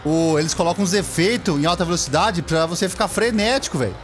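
A young man with a Brazilian accent giving casual, excitable gameplay commentary, full of slang, shouting and laughing at the game. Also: on the high side, quick pace, faint music behind. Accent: Brazilian Portuguese. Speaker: gameplay streamer.

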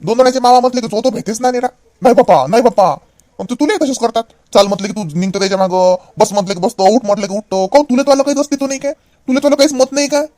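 A man's voice: very high-pitched, racing, darkish tone, no room sound. A young man playing an educated nephew in a comedy skit, lecturing insistently.

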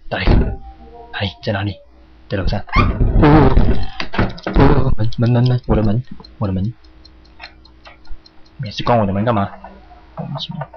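Jumpy young man yelping at a game. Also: lowish voice. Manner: jumpy, yelps and curses at the game. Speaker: game streamer. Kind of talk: horror game let's play commentary. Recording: slightly dull lo-fi home mic with faint hiss.

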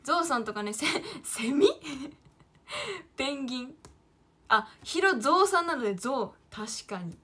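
Bright high-voiced young Kansai woman. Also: very animated, moderate pace. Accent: Kyoto Kansai dialect. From Kyoto, Japan. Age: late teens. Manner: chatty, talks to herself, calls herself by name. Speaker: idol livestreamer. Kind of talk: casual livestream chat while drawing.

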